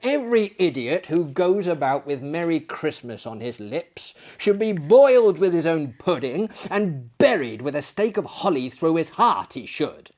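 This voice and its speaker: A man's voice: fairly high pitch, sing-song, unhurried, voice pushed up. A man reading a classic ghost story aloud, voicing a bitter, miserly old man who snaps out indignant retorts. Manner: snapping, indignant outbursts.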